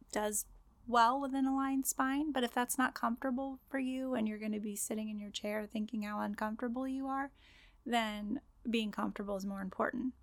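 A woman's voice: medium pitch, dry recording. A woman meditation guide talking casually and explaining things to listeners in an easygoing, conversational way.

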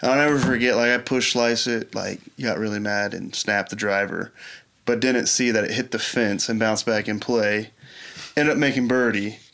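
A man in casual chat, telling a long golf story with lively energy and frequent laughs. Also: on the low side, normal speed, gravelly. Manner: animated storyteller, laughs often. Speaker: podcast guest telling golf stories.

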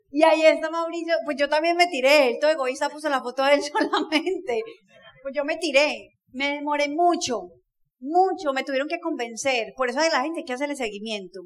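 A middle-aged woman from Colombia giving a lively, jokey storytelling talk to an audience, often asking them questions. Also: high-pitched, normal speed. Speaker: motivational speaker.

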